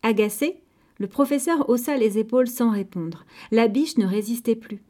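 A woman reads a children's adventure tale aloud with a warm, mellow voice pitched a little high. Her delivery is expressive and measured, like a storybook narration.

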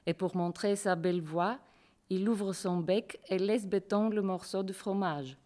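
A woman's voice: mid-range voice, measured pace, a little mellow. A woman, a student reader, reading a fable aloud carefully in street slang.

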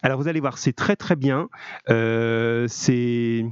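A man's voice: mid-range voice, takes it slowly, clear, resonant tone, dry recording. Hesitant male teacher, dull dry recording. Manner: hesitant, many fillers and restarts. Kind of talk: recorded class talk to pupils. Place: home office.

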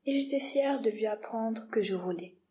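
A woman reading storybook narration aloud in a soft, measured way. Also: a little high. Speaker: reader.

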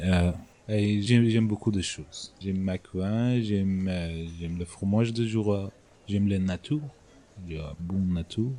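A young man speaking haltingly about his life, with many restarts and fillers. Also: low voice, warm tone. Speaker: interviewee. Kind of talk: casual personal talk in halting French.

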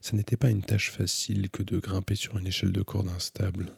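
Deep gravelly male audiobook narrator. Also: dry recording, studio quality. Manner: calm, measured, introspective reading. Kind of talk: scripted narration of a novel.

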